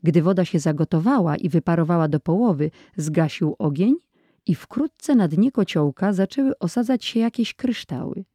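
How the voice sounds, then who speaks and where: A narrator reading an adventure story aloud in a measured, even audiobook style. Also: mid-range voice, slightly rough, no room sound, studio quality.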